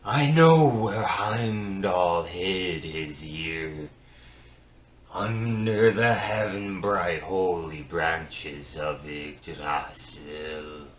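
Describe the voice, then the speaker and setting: A male storyteller recites Norse myth as dramatic poetry in a deep, grave, theatrical voice. His solemn delivery is halting, swinging from hushed to booming. The mic sits at a distance, giving a roomy sound with faint noise.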